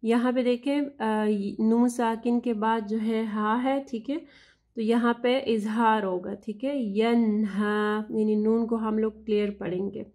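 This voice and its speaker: A woman with a fairly high voice teaches recitation rules, stretching each phrase out slowly and deliberately. She speaks in a narrow, even tone and patiently repeats corrections between brief explanations. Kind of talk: tajweed lesson.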